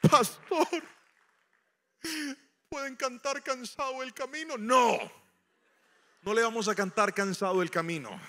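Brief: Colombian male pastor, gravelly, preaching in a church, big swells then hushed asides. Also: very high-pitched, measured pace, pauses often. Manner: preaching with loud swells and sudden quiet asides. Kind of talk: sermon. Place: church hall before a congregation.

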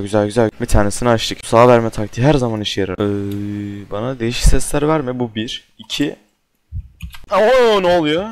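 A young man with a fairly low voice talks through a horror game at his computer. He keeps up casual, jumpy commentary, swearing freely and yelping when something startles him. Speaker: gaming channel host.

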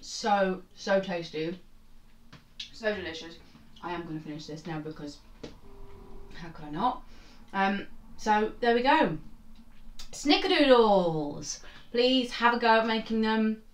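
Slow-talking woman in an echoey kitchen. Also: mid-range voice, steady tone. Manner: chatty, hesitant with many fillers. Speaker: cooking channel host. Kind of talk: casual cooking demonstration. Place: home kitchen. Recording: echoey kitchen, mic far off.

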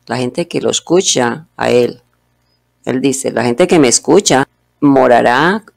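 A man's voice: mid-range voice, gravelly. A man whose first language is Spanish teaches English through a religious text, going word by word and repeating pronunciations. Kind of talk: bilingual religious English lesson.

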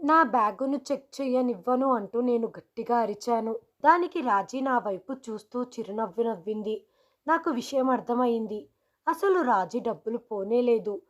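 A woman reading a scripted first-person story in a steady, measured way. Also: a little high, lo-fi sound.

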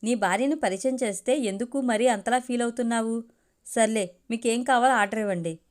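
A woman's voice: a little high, a little fast, natural voice. A woman reading a teasing young sister.

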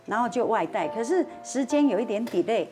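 Animated Taiwanese woman telling a story. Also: a little high, a little fast, over music. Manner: acts out quoted voices, mixing in Taiwanese Hokkien phrases. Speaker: storyteller guest on a talk show.

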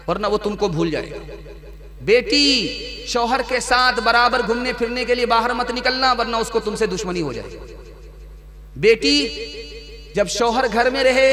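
A male preacher with a high voice delivers an emphatic sermon, swinging his tone widely as he tells his stories. His voice carries a long, echoing reverb from the hall's sound system. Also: sharp tone. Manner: emphatic storytelling with dramatic pitch swings. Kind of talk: Urdu-Hindi religious sermon at a gathering. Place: large hall or tented gathering.

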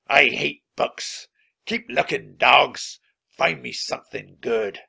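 A man's voice: medium pitch, takes it slowly, vocal fry, bright, forceful tone, breathy edge, pitched above the performer's own voice, heavily acted. A man voicing a big, mean, greedy pirate captain in a storybook, growling and roaring orders. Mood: gruff, commanding. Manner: bullying, roaring, barking orders.

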